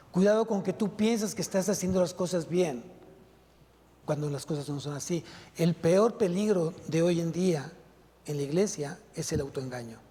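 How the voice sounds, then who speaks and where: In a church sanctuary, a male pastor preaches a sermon in a high yet mellow voice, pressing his listeners with emphatic rhetorical questions. The church hall gives the sound a long reverb.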